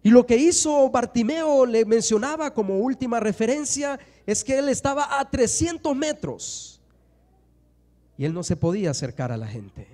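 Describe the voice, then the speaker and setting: A pastor preaches to his congregation in a church, his high, lively voice sweeping up and down. The tone is mellow rather than bright, and he slips into little acted voices for the people in his stories. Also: normal speed. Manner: preaching with rising and falling emphasis, acting out voices in stories. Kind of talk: sermon. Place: church sanctuary.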